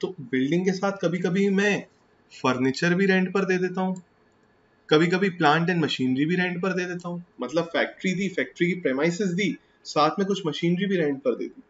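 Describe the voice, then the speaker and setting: A man's voice: sits high, moderate pace. A man with an Indian accent teaching a tax class, mixing Hindi and English and asking and answering his own questions. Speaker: tax lecturer. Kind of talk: classroom lecture. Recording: slightly dull lo-fi sound with faint background noise.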